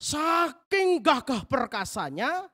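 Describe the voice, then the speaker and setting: A man leading a Sunday school lesson, talking to the children in a lively, coaxing way and telling a Bible story. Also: very high voice, slow. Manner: animated, coaxing, talks straight to the children.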